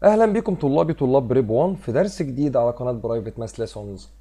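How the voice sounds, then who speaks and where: An Egyptian man teaches math in a screen-recorded lesson, narrating in voice-over with a warm, low, expressive tone that's a bit hoarse from a cold. Speaking fast in Egyptian Arabic, he works through each step and mixes English math terms into his Arabic.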